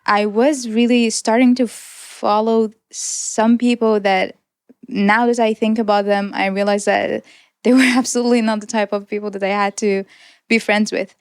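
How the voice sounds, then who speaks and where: In a clean, dry studio recording, a Persian-speaking woman in her twenties from Iran shares her own story in conversation with earnest reflection, small restarts, and light laughs. Her medium-pitched voice is clear and resonant, with a level tone at normal speed.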